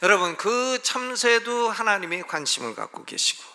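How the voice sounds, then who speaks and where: A middle-aged pastor preaches in a high, gravelly voice with a sharp, bright edge. His delivery is folksy and emphatic, rising to loud peaks and slowing for scripture. The sound rings with the long reverb of a large church. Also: big pitch swings. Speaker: senior pastor. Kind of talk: sermon.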